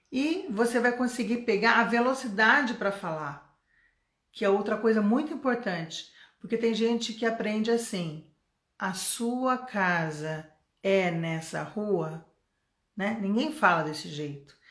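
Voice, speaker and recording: A middle-aged Brazilian woman teaching English in a live online lesson, chatty and coaxing, often asking the viewer questions. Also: mid-range voice. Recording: roomy echo.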